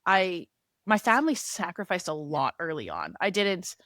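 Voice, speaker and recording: A woman's voice: fairly low pitch, huge pitch swings, moderate pace, a bit bright, no room sound. A woman in her thirties, a sports director as interview guest, talking earnestly and getting fired up, with frequent restarts. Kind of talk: casual conversational interview.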